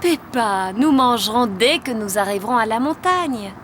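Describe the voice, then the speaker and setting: High lilting gazelle teacher lady, brisk but patient, cartoon, engine noise behind. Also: expressive, fairly bright tone. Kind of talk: preschool cartoon dub.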